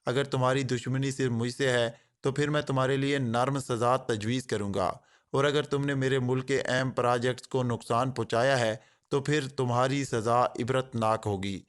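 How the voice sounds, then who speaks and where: A man's voice: mid-range voice, fairly even intonation, close to an everyday voice. A man voicing a male secret agent who jokes mockingly, then speaks in a cold, hard tone. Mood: cold, stern. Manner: switches from joking patter to cold, hard tone.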